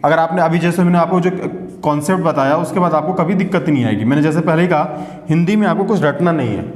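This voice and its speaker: A male teacher giving a classroom lesson, sounding out each vowel slowly and often checking in with his students. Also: on the high side, darkish tone. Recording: echoey room with long reverb.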